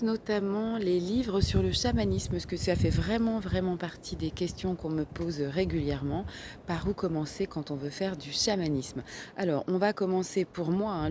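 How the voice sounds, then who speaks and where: Une thérapeute française qui parle spontanément face à la caméra, avec beaucoup d'hésitations et de reprises. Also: female voice, fairly low pitch, warm tone, slight background noise. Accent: French. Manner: hesitant, many fillers and self-corrections. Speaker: holistic therapist. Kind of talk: casual recommendation vlog.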